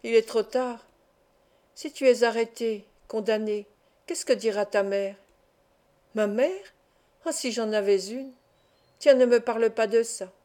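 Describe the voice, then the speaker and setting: A woman's voice: a little high, measured pace, long pauses, mellow, lightly acted. A woman reading the part of a bitter, scornful young male thief in an audiobook. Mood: amer. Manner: angry reproachful.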